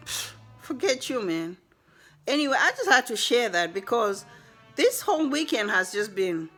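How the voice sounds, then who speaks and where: An older woman telling a personal story to the camera with indignant, animated energy and laughs. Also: medium pitch. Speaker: vlogger.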